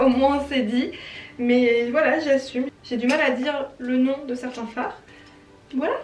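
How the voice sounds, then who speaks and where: Chatty french girl doing a makeup tutorial, high voice, roomy and a bit far off, faint music. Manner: chatty, self-deprecating, explains each step. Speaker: beauty vlogger.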